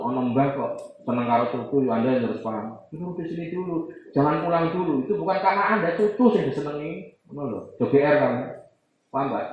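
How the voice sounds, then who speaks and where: A man with a Javanese accent giving a casual religious lecture as an Islamic teacher, lively and mixing in Javanese asides. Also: medium pitch. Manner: lively, mixes Javanese asides, imitates voices. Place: large room at a boarding school. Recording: echoey distant hall, dull sound.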